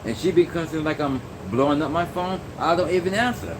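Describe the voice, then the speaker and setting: A young man with a voice on the high side talks quickly in a rambling vlog monologue, wandering from point to point. Fillers and restarts fill his speech, and the recording carries a noisy background hum.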